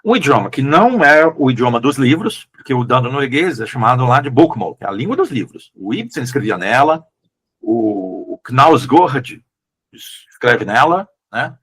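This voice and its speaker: A Brazilian man, a literary translator, talking through his choices in a relaxed interview, with frequent restarts and questioning tags. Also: mid-range voice, normal speed, slightly rough. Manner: thoughtful, hesitant, many restarts and "né?" tags. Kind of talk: casual conversational interview.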